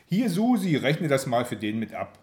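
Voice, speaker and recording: A man's voice: medium pitch, sing-song, moderate pace, lightly acted. A man voicing a boisterous, chummy middle-aged football fan who bellows mocking banter in a storybook reading. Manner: loud, brash, mocking banter.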